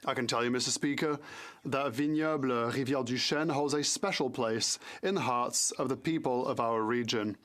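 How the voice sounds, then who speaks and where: Guy interpreting parliament speeches, normal mid pitch, formal wording. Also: moderate pace, a bit bright. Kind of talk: formal rendering of prepared statements.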